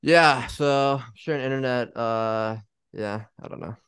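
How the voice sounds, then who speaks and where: A man's voice: mid-range voice, measured pace, fairly bright tone, smooth, no room sound, clean studio sound. A man in casual chat on an online call, his voice breaking up over a bad internet connection, rambling with lots of "like" and "you know". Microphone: video call.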